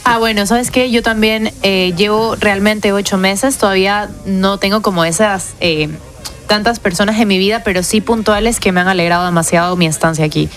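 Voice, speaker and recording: A woman's voice: mid-range voice, fairly even intonation, normal speed, a bit bright, faint music behind. Woman with an Ecuadorian accent chatting. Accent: Ecuadorian Spanish. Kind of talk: casual chat. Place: radio studio.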